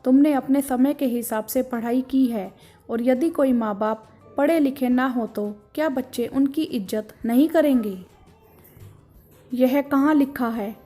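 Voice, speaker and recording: A woman's voice: high-pitched, a little slow, warm tone, faint music behind. A woman voicing a stern, caring middle-aged husband who scolds with indignation. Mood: indignant.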